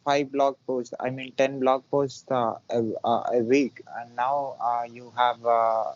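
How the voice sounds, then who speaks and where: Halting male interviewer, dull lo-fi audio. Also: medium pitch, little pitch movement. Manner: halting, many fillers. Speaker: interviewer, host. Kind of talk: casual interview questions.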